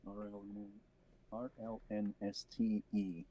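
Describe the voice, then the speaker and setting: A man's voice: lowish voice, little pitch movement, measured pace, mellow, low-quality recording. A man co-hosting a stream, making thoughtful remarks in casual chat.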